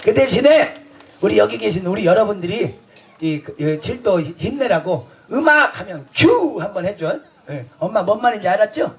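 A man's voice: high-pitched, very animated, normal speed. A man performing festival stage comedy, boisterous and crude, bantering with the audience and laughing through his lines.

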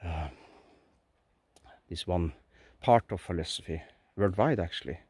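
A low, unhurried, darkish and slightly rough voice belongs to a Norwegian man in his forties vlogging in a pine forest. Phone held at arm's length, he earnestly offers a casual philosophical monologue in a Norwegian accent, restarting often. The recording is dry and poor in quality.

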